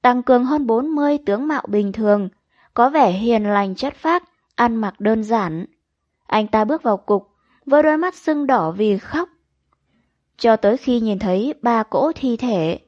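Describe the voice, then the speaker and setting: A woman reading a crime novel aloud as an audiobook narrator, in an even, measured storytelling manner. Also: on the high side, no echo, muffled recording. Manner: even, measured storytelling with quoted dialogue read in.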